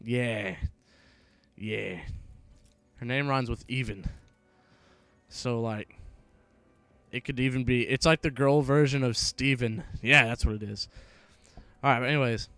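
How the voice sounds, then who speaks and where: A man's voice: medium pitch, a little slow, long pauses, a bit bright, clear, resonant tone, no room sound, faint music behind. A young man in his late teens telling a rambling, profane school story while playing a game. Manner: casual, profane, rambling with restarts. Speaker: gaming vlogger. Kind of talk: rambling storytelling over gameplay.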